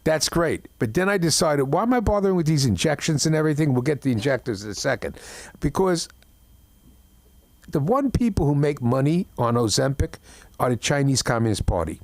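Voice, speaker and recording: At a comedy club open mic, a middle-aged man delivers a rambling stand-up set in a fairly high voice, talking a little quickly. He repeats words, restarts sentences and airs his complaints deadpan. The sound is dry, with no echo.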